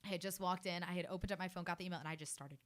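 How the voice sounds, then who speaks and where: This early-twenties woman from New Jersey, a fashion student, speaks rapid-fire in a radio studio interview about her own story. Her pitch is fairly low and steady with a fairly bright tone, and she's earnest, effusive and heavy on fillers.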